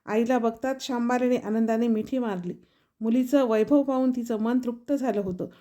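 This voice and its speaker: A woman narrates a devotional folk tale at a steady, measured pace. Her voice is mellow and warm in tone and sits a little high. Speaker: storyteller. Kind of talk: devotional story reading.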